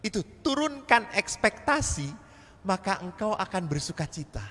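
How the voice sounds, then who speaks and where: Animated priest in a reverberant church. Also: male voice, sits high, normal speed. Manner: animated storyteller who acts out dialogue. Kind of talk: seminar talk in sermon style. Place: large church.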